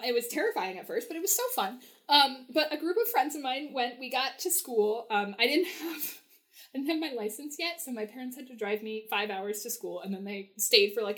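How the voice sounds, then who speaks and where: A woman's voice: fairly high pitch, fairly bright tone. A young woman telling a story as a podcast guest, chatty, with many fillers and frequent laughs. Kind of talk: casual storytelling.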